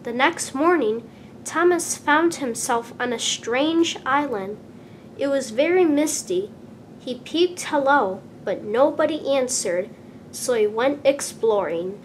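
Behind a clear rumbling noise, a woman reads a children's storybook in a high voice, lingering on every phrase with an expressive and deliberate style.

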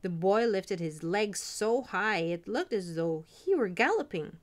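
Expressive woman reading a fairy tale. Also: mid-range voice, a little slow. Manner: expressive, animated storytelling. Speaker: storyteller.

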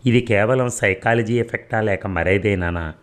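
A calm, firm detective with a steady, reassuring way of speaking, as a man reads him. The voice is deep and low, read from an audio novel. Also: moderate pace, lightly acted.

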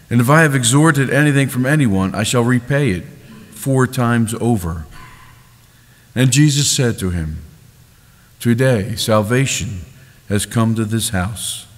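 Man solemnly proclaiming scripture in church. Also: mid-range voice. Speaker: gospel reader at Mass. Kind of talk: formal liturgical reading. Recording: long church reverb.

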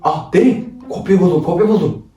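A man's voice: high voice, expressive, brisk, mellow, dull audio. A young man leads a playful role-play skit with his sister, bossy and teasing, laughing easily. His voice swings widely up and down. He sounds a little far from the mic in an echoey room, with faint music under him. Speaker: older brother directing a skit. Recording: roomy, from a distance, faint music.

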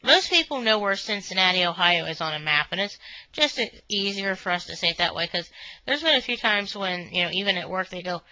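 Chatty woman, bright dry voice. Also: fairly low pitch, animated, a little fast, dry recording, rough recording. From Northern Kentucky, USA. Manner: chatty, meandering, many fillers like "you know". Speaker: vlogger reviewing a restaurant. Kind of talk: rambling casual monologue.

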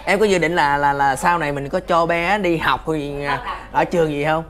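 A man's voice: a little high, steady tone, moderate pace, noisy background. A man with a Southern Vietnamese accent hosting a casual interview, chatty and rambling as he restates what he has heard. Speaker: interviewer and channel host.

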